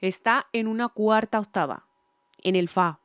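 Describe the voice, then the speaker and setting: In a dry recording, an emphatic woman with a mid-range voice talks unhurriedly. She reviews songs as a singer, reacting casually and analysing vocals, often repeating phrases for stress. The song she's reacting to plays faintly underneath.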